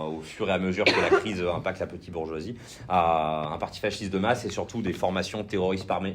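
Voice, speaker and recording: Over slight background noise, a man with a low-pitched voice and a French accent gives a hesitant, informal political training talk in an indoor session room, with frequent fillers and restarts.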